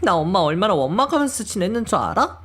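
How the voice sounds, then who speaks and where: A woman's voice: mid-range voice, sing-song, fast talker, slightly rough. A woman voicing a hurt young adult daughter who reproaches her mother in an emotional audio drama reading.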